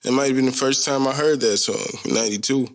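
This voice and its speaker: Here a man in his thirties runs a solo podcast, talking fairly quickly at medium pitch. The chat is laid-back and meandering, peppered with slang and jokes.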